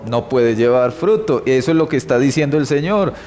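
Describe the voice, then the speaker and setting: A man's voice: medium pitch, animated, fairly quick, a little mellow. A man with a Colombian Spanish accent teaching a church Bible class, reading scripture and quizzing the class with questions and repeated key words.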